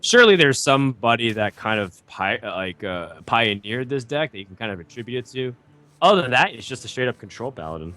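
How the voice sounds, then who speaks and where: A man's voice: mid-range voice, big pitch swings, a little fast, pushed and bright. A man giving live card game commentary, thoughtful and analytical, with frequent ums and likes. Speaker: esports commentator.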